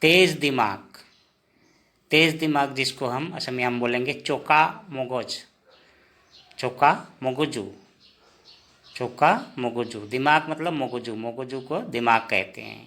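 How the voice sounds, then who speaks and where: A male teacher takes learners through a vocabulary list at an unhurried crawl. He says every word two or three times. His voice sits at an ordinary middle pitch. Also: bright, forceful tone. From India. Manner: slow, repeats each word several times. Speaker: language teacher. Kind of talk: slow spoken vocabulary lesson.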